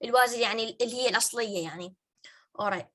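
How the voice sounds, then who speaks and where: Iraqi-accented female lecturer, high bright voice, bilingual, keeps asking "okay?", slow on the examples. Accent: Iraqi Arabic. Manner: checks in with frequent "okay?"; slows down and stretches out English example phrases. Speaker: university English phonetics lecturer. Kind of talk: bilingual lecture mixing Arabic and English.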